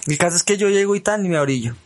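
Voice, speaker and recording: A man's voice: high voice, animated, rapid-fire. A young man with a Bogotá Colombian accent telling a story in casual chat, slangy and repeating phrases for suspense. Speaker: podcast co-host telling a story.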